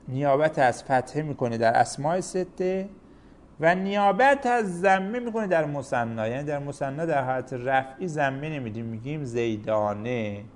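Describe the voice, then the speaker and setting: A man teaching a grammar lesson, explaining rules step by step with examples. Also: on the high side.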